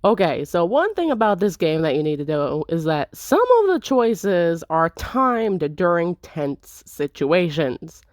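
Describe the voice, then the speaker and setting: A woman's voice: lowish voice, very animated, a little slow, hardly any pauses, dry recording. A young woman hosting a let's play, narrating a visual novel and chatting casually and wryly about it on a close desk mic. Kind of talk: game commentary and narration.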